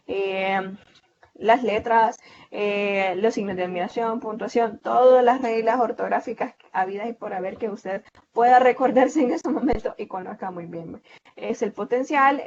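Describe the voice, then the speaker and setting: A woman's voice: fairly high pitch, dull audio. A woman with a Salvadoran Spanish accent, giving an online tutoring lecture on a video call, explaining at length with frequent fillers and self-corrections.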